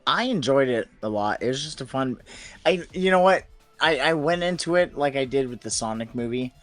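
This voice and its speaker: A man co-hosting a podcast in casual chat, speaking haltingly with restarts and laughs. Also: medium pitch, animated, a bit bright, soft background music. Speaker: podcast co-host.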